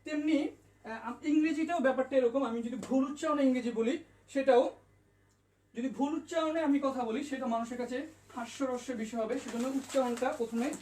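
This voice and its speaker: A man's voice: very high-pitched, steady tone, fairly quick, darkish tone, slight background noise. A man teaching an online language lesson, patiently repeating and spelling out each letter sound. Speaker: English tutor. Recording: echoey room, mic at a distance.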